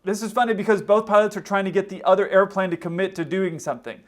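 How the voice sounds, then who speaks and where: A man's voice: high voice, steady tone, fast talker. A man hosting a casual explanatory commentary, conversational and acting out hypothetical quotes as he goes. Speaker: host, pilot commentator.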